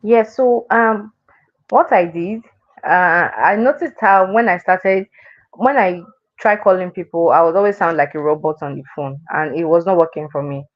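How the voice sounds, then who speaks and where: A woman's voice: on the low side, moderate pace, no room sound, dull audio. A woman from Nigeria's Delta region, a chatty interview guest who restarts her phrases and laughs often. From Delta State, Nigeria. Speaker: guest, sales closer. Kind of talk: casual interview chat.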